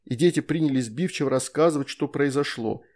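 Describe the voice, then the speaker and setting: A man narrating an audiobook in a lively, expressive reading. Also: medium pitch, brisk. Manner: lively, performs all character voices. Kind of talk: scripted narration.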